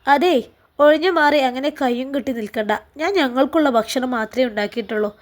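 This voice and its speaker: A woman's voice: high voice, a little fast, close to an everyday voice. A woman reading a storybook, voicing a cold, bossy sister-in-law who scolds bluntly. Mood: scolding.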